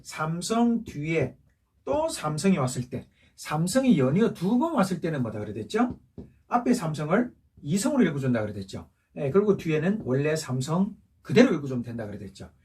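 A man teaching a slow, patient lesson, going back over each point and checking in with questions. His voice sits a little high and moves around a lot, with a husky edge. He sounds set back from the microphone. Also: big pitch swings, a little mellow, recorded from a distance. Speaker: Chinese language teacher. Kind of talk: recorded classroom lesson for seniors.

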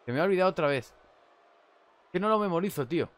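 A young man with a Spanish accent commentating on a wrestling video game. He chats casually and shouts at big moves. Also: high voice, lively intonation, fast talker, clear, resonant tone. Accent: Spain Spanish. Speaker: gameplay commentator.

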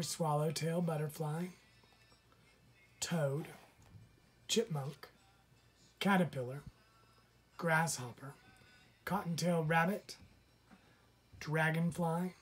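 A man, a teacher, reading a children's picture book aloud to his class in a deliberate, unhurried way. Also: a little high. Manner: slow, deliberate storybook reading.

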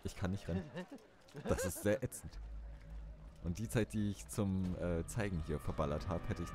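A man's voice: deep voice, moderate pace. A man commenting casually on his own gameplay, chatty and self-mocking, swearing now and then. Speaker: let's play host.

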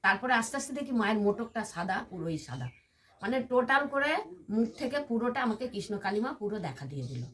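An older woman from West Bengal, India, a temple devotee, tells her personal story in an interview. Her voice is fairly high and fairly bright, with big pitch swings and a brisk pace. She recounts events earnestly and in detail, quoting others often.

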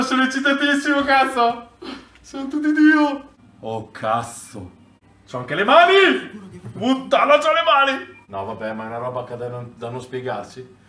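A man reacting loudly to a virtual reality game, swearing and shouting in excitement. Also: sits high, recorded from a distance. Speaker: presenter playing a VR game. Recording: echoey room, voice off-mic.

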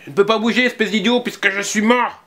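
A man's voice: high-pitched, very animated, normal speed, a bit bright, voice pushed up. A man voicing a small, stubborn boy who sulks and plays dead theatrically. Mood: indignant. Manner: sulky, indignant, theatrical.

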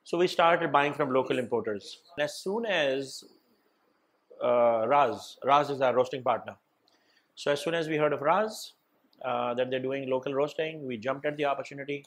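A man's voice: medium pitch, moderate pace. A middle-aged man from Pakistan, a cafe owner, talking energetically in an interview and mixing Hindi-Urdu with English. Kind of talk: sit-down interview. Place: indoor studio set with dark wall.

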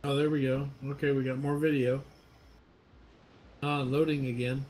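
A man streaming from his home computer, talking in a halting, muttered running commentary as his video call keeps freezing, mildly frustrated and swearing now and then. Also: mid-range voice, little pitch movement, a little mellow, slight background noise. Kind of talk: casual live-stream chat.

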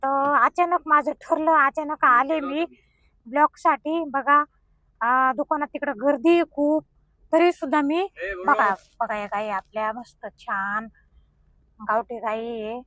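Bright high-voiced village woman vlogging. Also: fairly even intonation, a little slow, no echo. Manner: coaxing, sing-song talk to cows. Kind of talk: casual vlog narration. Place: cow shelter, outdoors.

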